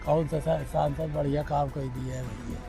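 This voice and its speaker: A man's voice: fairly high pitch, level tone, moderate pace, vocal fry, mellow, soft background music. A man, a villager giving blunt, short answers outdoors.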